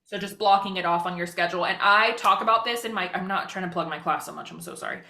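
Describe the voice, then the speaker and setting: A woman talking very fast as she presents an informal social media webinar, chatty and given to self-deprecating asides. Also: fairly low pitch, sharp tone. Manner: very fast, rapid-fire talking. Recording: roomy, echoing sound.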